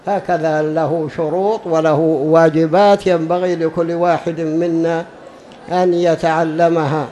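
Emphatic high-voiced male preacher. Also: little pitch movement, measured pace, mellow, rough recording. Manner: emphatic, repeats key phrases for stress; drawls words out when demonstrating pronunciation. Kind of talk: religious lesson.

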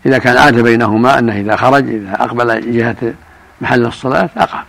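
An older man, a religious scholar, answering questions in a measured, explanatory way. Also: medium pitch, gravelly, fairly bright tone. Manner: measured, explanatory, chants call-to-prayer examples.

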